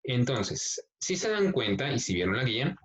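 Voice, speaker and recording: A male English teacher, explaining a workbook lesson slowly, step by step, and reading the exercises aloud. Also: medium pitch, big pitch swings, fairly bright tone. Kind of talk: recorded class explanation. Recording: dull lo-fi recording.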